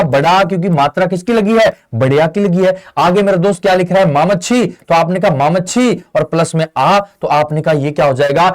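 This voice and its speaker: A man teaching a Hindi grammar lesson for exam preparation, asking the students questions and answering them in their voice, and calling his listeners friend and brother. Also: sits high. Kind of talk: online exam-prep lesson.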